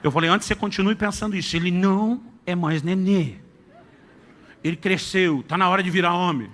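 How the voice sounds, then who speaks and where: A middle-aged man preaching a sermon, telling a family story with acted-out dialogue and shifts to a soft, intimate tone. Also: high voice, brisk. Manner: animated storyteller acting out dialogue, dropping to soft intimate tones. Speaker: pastor.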